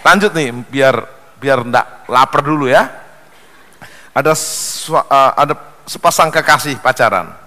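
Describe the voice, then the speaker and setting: A man's voice: mid-range voice, unhurried. A man preaching a sermon, telling jokes with acted-out voices and leading the congregation in call-and-response. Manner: animated joke-telling, acts out voices. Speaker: pastor. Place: large church hall. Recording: long hall reverb.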